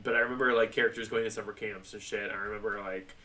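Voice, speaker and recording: A man's voice: fairly low pitch, steady tone, fast talker, pushed and bright, far from the mic, slight background noise. A man co-hosting a podcast, chatting loosely about a book and swearing freely. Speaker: podcast co-host. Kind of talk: casual book discussion.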